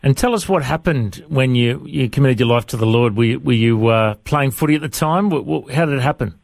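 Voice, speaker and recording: A man's voice: mid-range voice, fairly quick, vocal fry, no echo. A man, hosting a podcast interview in a matey, chummy way. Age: 40s. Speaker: podcast host. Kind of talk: friendly interview chat.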